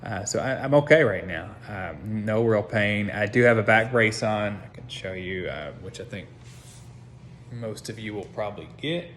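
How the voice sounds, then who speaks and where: Low-voiced American man, subdued after surgery. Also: fairly bright tone. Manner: hesitant, halting, recalling piece by piece. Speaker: patient recording a recovery update. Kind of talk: casual personal vlog. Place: seated at home, talking to camera. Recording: noticeable background noise.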